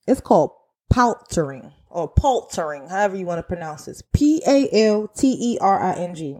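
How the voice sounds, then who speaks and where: A woman telling a workplace story in a casual, sassy rant, full of dialect turns. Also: mid-range voice. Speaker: vlogger.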